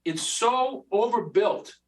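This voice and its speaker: A man's voice: high-pitched, lively intonation, takes it slowly, far from the mic, poor audio. A man giving a heated public comment at a planning board hearing, with many fillers and restarts. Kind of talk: public comment at a town meeting. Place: town meeting room.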